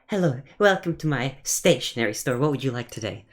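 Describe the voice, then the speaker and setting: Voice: medium pitch, animated, a little fast, lightly acted. A game master voicing a polite, eager shopkeeper who loves selling parchment and ink in a tabletop game. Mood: cheerful, obliging.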